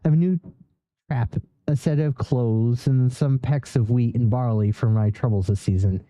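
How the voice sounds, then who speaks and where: Dark-voiced man narrating a solo game. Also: medium pitch, normal speed, dry recording, poor audio. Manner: reads aloud with small stumbles and self-corrections. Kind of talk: first-person role-play narration.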